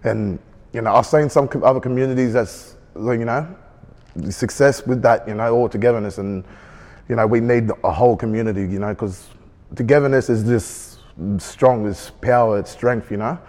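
A young Australian man in his twenties, speaking on a youth panel in a halting way, often repeating himself. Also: mid-range voice, darkish tone, long reverb tail. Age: 20s. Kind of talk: casual discussion.

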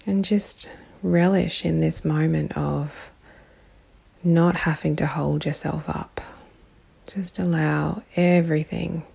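A woman guiding a meditation in a calm, soothing way, with long pauses and a soft, breathy, partly whispery voice. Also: deep voice. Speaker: meditation guide. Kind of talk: guided meditation.

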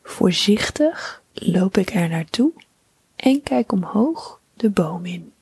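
Almost entirely in a breathy whisper, a woman with a medium-pitched voice reads a children's bedtime story, slow, soothing and calm. The recording is close and dry, free of any room sound.

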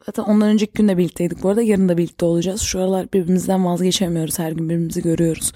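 Young woman host, chatty and rambling, warm low-key tone, dry recording. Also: little pitch movement, very fast, dry recording. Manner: rambling, chatty, self-correcting storyteller. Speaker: podcast host. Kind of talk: casual solo podcast chat.

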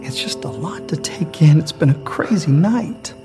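A man's voice: a little high, animated, normal speed. A fussy, worried shepherd in a filmed comedy skit. He nitpicks and pleads with a nervous earnestness. Faint music lingers in the background. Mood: wondering. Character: fussy, anxious male shepherd.

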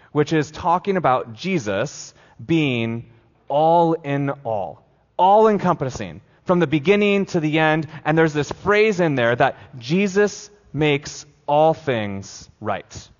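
Man preaching casually in a reverberant hall. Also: on the high side. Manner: casual, filler-heavy preaching with frequent "like" and restarts. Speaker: pastor. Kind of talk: conversational sermon. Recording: dull lo-fi sound with long hall reverb.

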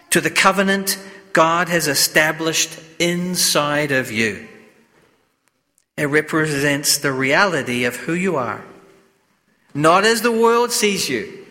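A man preaches slowly inside a church, his fairly high, bright voice carrying a forceful tone. He delivers a sermon and scripture reading at Mass with solemn, deliberate, measured phrasing. The recording has the long, cathedral-like echo of the church around him.

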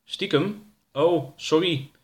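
A man's voice: fairly high pitch, slow pace, pitched above the performer's own voice. Male narrator as a blunt, wry duck; plain voice, a touch raised, in a storybook. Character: dry-witted male duck, blunt and loyal. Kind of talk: storybook reading.

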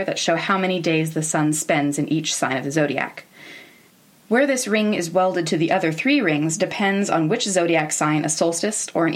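American woman in her 30s doing an explainer podcast, low voice, kinda wry and candid. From Oregon, United States. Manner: informal, wry, candid with casual swearing. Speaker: podcast host. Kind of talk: semi-scripted educational narration about space history.

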